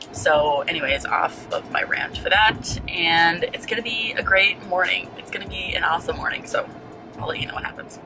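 A young adult woman who vlogs and runs a business talks casually to a handheld camera held at arm's length for a day-in-the-life video, quick and chatty, laughing often and slipping into small rants. Her pitch sits fairly low, and she films in her kitchen and bathroom before moving into her car.

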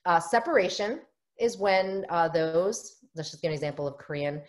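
A middle-aged American family therapist gives an online workshop over a webcam from her home office, explaining things earnestly and often acting out quoted voices. Her voice is lowish and expressive, at a moderate pace.

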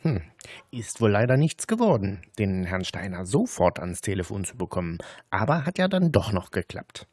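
A man hosts with sarcastic, colloquial commentary. His voice is on the low side and swings in a lively way, recorded close and dry. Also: moderate pace, no echo. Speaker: host of scam-baiting recordings. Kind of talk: casual mocking commentary.

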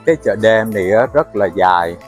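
A man's voice: lowish voice, animated, fairly quick, soft background music. Chatty man narrating a night market walk. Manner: chatty, explains to viewers with fillers. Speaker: travel vlogger. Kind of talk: casual vlog narration. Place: crowded outdoor night market.

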